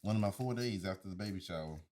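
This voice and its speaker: Young guy on a podcast, lowish voice, jokey and laid back, laughs a lot. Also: fast talker, a little mellow. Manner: playful, teasing, chuckles often. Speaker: podcast co-host. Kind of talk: casual chat.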